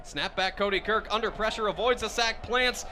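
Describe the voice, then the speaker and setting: Amid loud outdoor stadium noise, an American radio announcer gives live play-by-play of a football game. His voice is high and his speed is normal.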